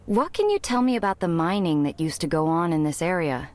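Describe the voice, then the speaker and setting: A woman's voice: on the low side, lively intonation, fairly quick, lightly acted. An actress playing an earnest, inquisitive young woman in video game dialogue, speaking sincerely. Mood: curious.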